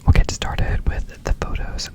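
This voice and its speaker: A man hosting ASMR in a breathy, unvoiced whisper, rambling casually and repeating words in rhythmic runs. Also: measured pace. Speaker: ASMR video host.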